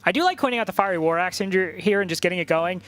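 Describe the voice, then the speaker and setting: A man casting a card game tournament, talking through plays with quick joking banter. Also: high-pitched, fairly bright tone, smooth. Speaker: esports caster. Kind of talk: play-by-play commentary.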